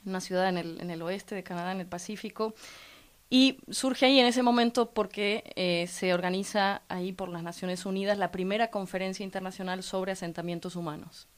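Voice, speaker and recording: A coalition president from La Plata, whose Argentine accent is mixed with Mexican, appears as a guest in a radio studio interview, calmly and fluently explaining her organization's work. Her mid-range voice delivers measured, structured explanations peppered with "¿no?" and "digamos."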